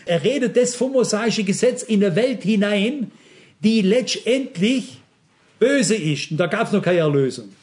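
High-voiced man preaching emphatically. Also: lively intonation, unhurried, a little mellow. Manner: emphatic, addresses congregation directly with rhetorical questions. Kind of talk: sermon.

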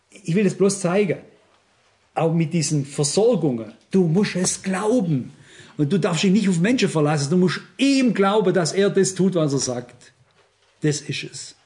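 Older swabian guy preaching, kinda high voice, chatty and emphatic, says things twice. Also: mellow. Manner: conversational, emphatic, repeats himself, addresses listeners directly. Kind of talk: informal sermon.

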